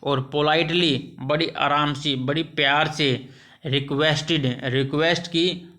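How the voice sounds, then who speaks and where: A man reads a story aloud very slowly, stopping to translate each phrase and explain it again. His voice sits slightly high and has a bright, sharp edge. He checks in with his listeners constantly. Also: fairly even intonation. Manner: slow and patient, repeats each phrase, many checking asides. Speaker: English teacher.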